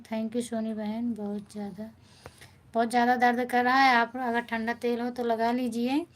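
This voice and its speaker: Chatty woman hosting a phone live stream. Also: a little high. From India. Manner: affectionate, soothing, addresses viewers as brother and sister. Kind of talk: casual live chat reading comments.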